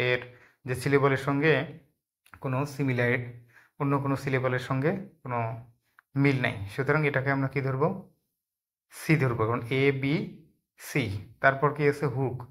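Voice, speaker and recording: A man's voice: mid-range voice, fairly bright tone. A man giving an online lesson in Bengali, asking questions and answering them himself as he goes through items one by one. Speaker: teacher. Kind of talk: online lecture.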